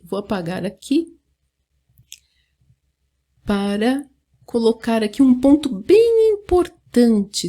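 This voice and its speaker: A woman's voice: fairly high pitch, warm tone, breathy edge. A woman giving an online lesson on French pronunciation, patiently explaining and often checking in with the listener. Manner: patient, explaining slowly with frequent "né?". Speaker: French teacher.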